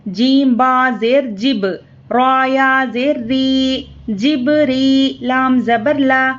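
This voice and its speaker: A woman teaching Quran reading, spelling syllables slowly and drawn out, with quick explanations of the rules in between. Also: sits high, muffled recording. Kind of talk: slow letter-by-letter spelling lesson.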